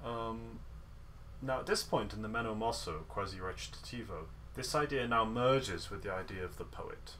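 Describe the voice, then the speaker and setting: A man's voice: lowish voice, moderate pace, bright, forceful tone, slight background noise. A man teaching an online guitar masterclass over a video call, playful and detail-focused, often singing rhythms with nonsense syllables. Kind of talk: online music lesson coaching.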